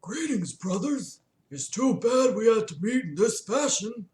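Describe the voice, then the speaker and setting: A woman's voice: fairly high pitch, lively intonation, unhurried, darkish tone, pitched above the performer's own voice. Scornful male archangel leader, put on by a woman reading aloud. Lofty and mocking, in a roomy space. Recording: roomy echo.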